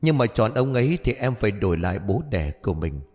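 A male narrator voicing a gentle, mysterious young man who speaks softly and tenderly. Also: lowish voice, very animated, fairly quick, long reverb tail, faint music behind. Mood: calm. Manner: soft, hushed and tender.

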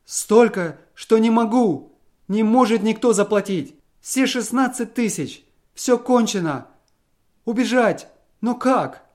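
Guy doing a ruined gambler husband, loud and desperate, all self-pity, raised high. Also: expressive, slow. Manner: loud anguished pleading.

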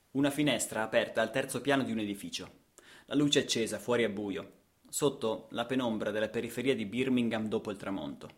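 A man with a medium-pitched voice narrates a story for radio theatre. He delivers it in deliberate, theatrical phrases that use repetition.

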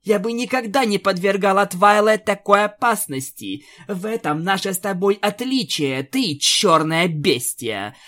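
Regal, wrathful female alicorn in an audiobook, high and lively, as a man voices her. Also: measured pace. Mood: furious. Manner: angry, hissing threats. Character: furious regal female alicorn princess, fanged. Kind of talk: audiobook character voice.

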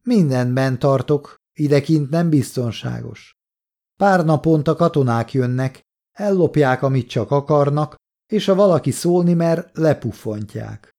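A huge bearded trader with blunt, clipped words and a wary edge, as an audiobook narrator puts him on. The voice sits a bit higher and louder than the reader's mellow own tone. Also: male voice, lively intonation. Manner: blunt, terse dealer's talk. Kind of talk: audiobook character voice.

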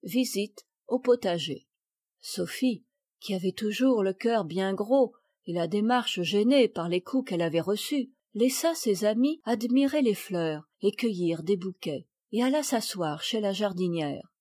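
A woman calmly reading a children's novel aloud as an audiobook narrator, in a measured way. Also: mid-range voice, dry recording, clean studio sound. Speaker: audiobook reader.

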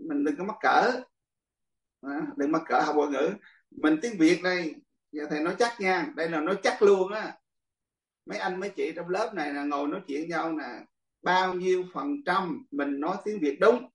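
A little high and at normal speed, the voice belongs to an older man, a monk, who leads a class with casual chatter, often laughing as he addresses his students. The echoey room and distant mic shape the sound.

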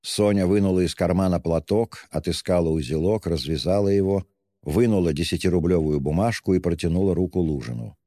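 A man with a low voice narrating a classic novel in a measured, dramatic way. The voice is close and dry up front, with a long hall reverb trailing behind. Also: mellow. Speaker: audiobook narrator.

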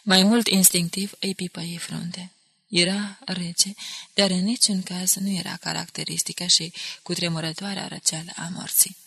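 Woman reading a story aloud, measured and dramatic, gravelly husky voice, dry close sound. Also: on the low side, level tone, pushed and bright, dry recording. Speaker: audiobook narrator. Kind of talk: dramatic audiobook narration.

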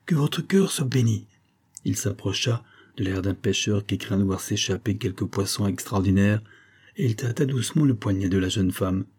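A man reading a French novel aloud as an audiobook narrator, in a measured, literary way. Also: lowish voice, darkish tone, husky. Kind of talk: scripted narration.

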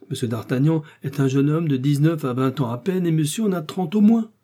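A man's voice: dark tone, husky. A man voicing a frightened, anxious middle-aged shopkeeper who pleads and protests in a storybook reading. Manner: pleading, protesting, rising pitch.

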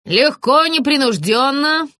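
A woman's voice: medium pitch, sing-song, moderate pace, bright, forceful tone, no room sound, studio quality. A woman voicing an impatient man directing a shoot, barking orders in an audiobook reading. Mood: bossy. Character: bossy shouting male film director.

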